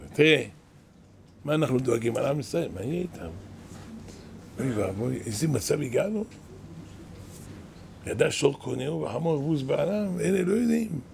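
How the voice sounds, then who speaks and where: An older man, a kabbalist rabbi, giving a weekly Torah lesson in an animated, lamenting way, with a gravelly voice. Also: fairly high pitch, slight background noise. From Israel. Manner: animated, exclaiming and lamenting, storytelling. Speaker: kabbalist rabbi, yeshiva head. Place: yeshiva study hall.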